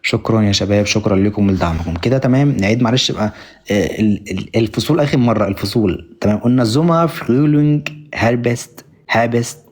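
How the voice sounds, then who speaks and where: Fast-talking Egyptian man drilling German words. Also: on the low side, darkish tone. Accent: Egyptian Arabic. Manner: repetitive drilling, thanks viewers often. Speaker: German teacher. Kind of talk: live-stream language lesson.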